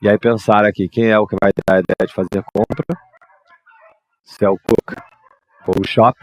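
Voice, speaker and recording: A man, teaching English grammar and patiently explaining exercises, reading the English examples slowly. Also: on the low side, fairly even intonation, no room sound. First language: Portuguese.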